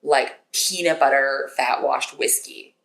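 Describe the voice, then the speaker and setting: A woman's voice: a bass voice, takes it slowly, gravelly, a bit bright, reverberant, rough recording. A woman co-hosting a podcast in casual chat, reacting to her co-host with dry quips.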